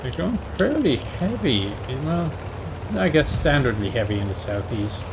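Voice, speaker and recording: A man streaming a video game comments live in a mid-range voice with big pitch swings and a normal pace. He comes across casual, dry and wry, half talking to himself, against clear tank engine and battle sounds from the game.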